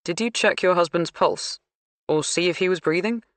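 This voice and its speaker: A woman reading an audiobook, voicing an earnest, easily flustered male detective who asks halting questions. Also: fairly low pitch, no echo, natural voice. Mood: probing.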